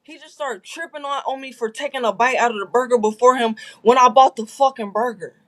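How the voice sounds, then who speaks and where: A woman's voice: a little high, fairly quick. Woman guest, blunt and candid, recounting her story in a casual chat. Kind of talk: casual livestream interview.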